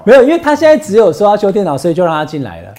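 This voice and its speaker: A man's voice: sits high, huge pitch swings, very fast, dark tone. A man with a Taiwanese accent hosting a casual political chat in a bantering way, often repeating himself. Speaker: talk show host.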